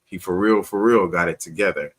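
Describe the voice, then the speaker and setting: Speaking fairly quickly in a low, somewhat bright voice, a man who works as a teacher appears as a talk show guest, narrating personal anecdotes and voicing quoted dialogue emphatically.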